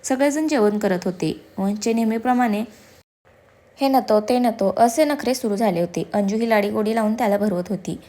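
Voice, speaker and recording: A woman storyteller reading a family story aloud in an expressive, even-paced narration. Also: mid-range voice, brisk, few pauses.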